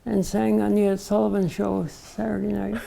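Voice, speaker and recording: A man in his eighties, a retired barbershop tenor, reminiscing in an interview with many pauses and "uh"s. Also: high-pitched, completely flat delivery, mellow, rough recording. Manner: gravelly, unhurried storyteller with many "uh" pauses.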